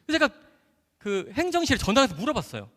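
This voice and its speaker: Lively high-voiced man telling his testimony. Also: fast. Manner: animated storyteller, acts out dialogue, laughs often. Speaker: doctor giving a testimony. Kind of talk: church testimony talk. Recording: echoey hall.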